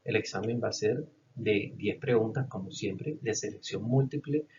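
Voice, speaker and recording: A man teaching an ethics class, lively and explanatory, acting out short scenes to make his points. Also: on the low side, moderate pace, lo-fi sound, noisy background. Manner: animated, acts out little scenes with a policeman's threats. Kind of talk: recorded ethics lecture.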